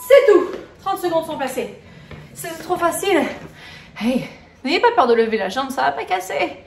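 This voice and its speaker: A high-voiced woman leads a workout, counting out reps and cheerfully checking on her class as she exercises. She sounds a little distant from the mic in an echoey indoor room, with faint ambience behind her. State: moving while exercising. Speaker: fitness coach. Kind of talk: live workout instruction.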